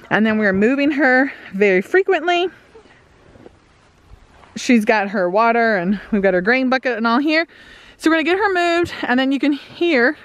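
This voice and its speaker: A woman in her thirties giving a casual farm tour, explaining things with lots of "um"s while holding the camera at arm's length outdoors. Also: high voice. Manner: chatty, explanatory, many "um"s. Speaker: homesteader vlogger. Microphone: camera held at arm's length.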